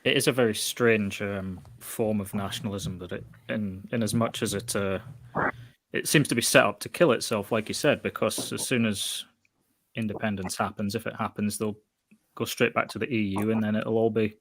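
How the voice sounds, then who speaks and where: Low-voiced man chatting calmly. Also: moderate pace, no echo. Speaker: podcast guest. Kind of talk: casual chat.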